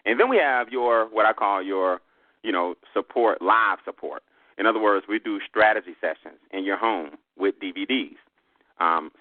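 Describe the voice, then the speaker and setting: A man's voice: on the low side, no echo. Enthusiastic Southern man on a phone line. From American South. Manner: enthusiastic, salesy. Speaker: guest trainer. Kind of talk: phone call pitch.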